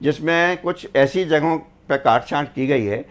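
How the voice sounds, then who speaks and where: A man speaking as a panelist on a studio news discussion, a former government officer who talks in a measured, reflective way and likes to quote couplets and sayings. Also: a little high.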